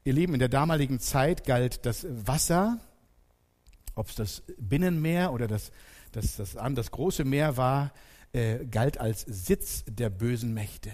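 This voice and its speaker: A man preaching a sermon. He talks straight to his congregation and uses dramatic pauses, dropping soft and then building loud. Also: mid-range voice, big-room sound.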